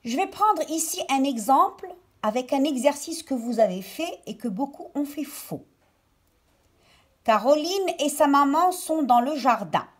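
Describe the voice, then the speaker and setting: A woman teacher with a high, lively voice gives a lesson for young children. She goes slowly, one phrase at a time as if dictating, and leans on the key words so they stand out. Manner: didactic, phrase-by-phrase delivery as if dictating. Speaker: primary school teacher.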